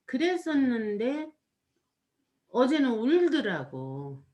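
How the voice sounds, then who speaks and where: A woman with a fairly high voice talks casually, retelling a scene in a rambling way. She fills her speech with small repeated fillers, and her tone stays gentle and reflective. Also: wildly swooping pitch, slow pace, muffled recording. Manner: rambling, full of "이렇게" fillers. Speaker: storyteller recounting a performance. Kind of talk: casual chat.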